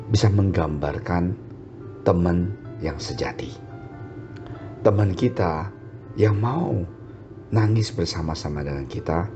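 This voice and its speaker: Deep, dark-voiced male pastor. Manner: storytelling, with frequent tag "ya". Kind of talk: sermon. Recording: dull lo-fi sermon recording.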